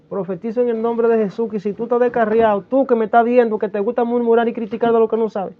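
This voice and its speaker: Impassioned preacher with a very high voice. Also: male voice. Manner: impassioned, swings between loud bursts and hushed lines. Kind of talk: fiery sermon with prophecy and tongues. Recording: tinny phone-like sound.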